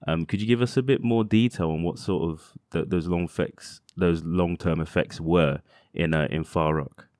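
Very deep-voiced man, dry and close. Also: normal speed, few pauses, darkish tone, no echo. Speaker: podcast co-host. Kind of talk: casual interview chat.

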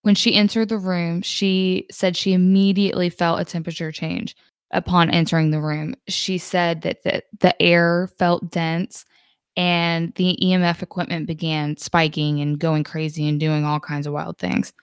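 A woman casually retelling paranormal stories, unhurried, with musing asides and the odd restart. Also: fairly low pitch, flat delivery, clean tone, dry recording, clean studio sound. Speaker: storyteller.

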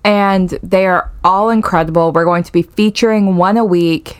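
A woman co-hosts a podcast from inside a small closet, trading giggly, playful banter. Her voice sits a little low. The sound is completely dry, with no room echo. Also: fairly even intonation, moderate pace, clean tone. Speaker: podcast co-host. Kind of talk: casual chat.

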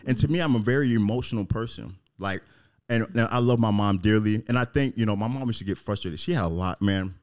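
A man's voice: lowish voice, fast talker, smooth. A man talking earnestly and emotionally in a candid conversation, full of "like" and "man".

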